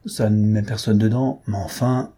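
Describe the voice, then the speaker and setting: A man doing a wry gossiping gentleman. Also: lowish voice, steady tone, normal speed, slightly rough. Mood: mocking. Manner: mocking, half-joking asides.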